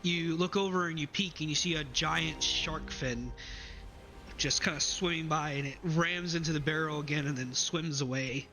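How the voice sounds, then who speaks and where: A man narrating as game master of a tabletop game, calm and descriptive. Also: a little high, moderate pace, soft background music, rough recording.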